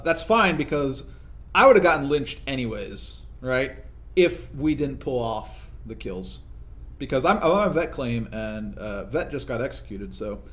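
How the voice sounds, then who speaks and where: A young man plays a strategy game and narrates it casually, walking through every move in a relaxed, explanatory way. His pitch is an ordinary middle, and while he thinks aloud he keeps checking in with the listener, often tagging lines with "right?" It's gaming-video commentary.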